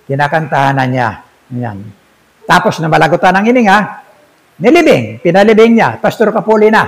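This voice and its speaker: A man's voice: fairly high pitch, gravelly, low-quality recording. A man, an older pastor, preaching a sermon and telling a story, often asking his congregation "see?".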